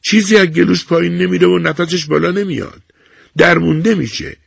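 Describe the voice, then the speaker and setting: A man's voice: sits high, creaky, slightly rough, no room sound, clean studio sound, voice pushed up, heavily acted. Man voicing a thin-voiced humble grandmother. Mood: earnest. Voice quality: raised, thinned voice. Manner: slow, thin-voiced, earnest pleading. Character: weathered, humble old grandmother, proud.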